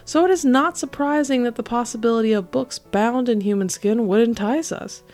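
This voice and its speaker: A woman's voice: fairly high pitch, moderate pace, darkish tone, soft background music. A woman hosting a podcast with scripted narration in a playful, theatrical manner, her voice a little affected by being sick. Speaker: podcast host.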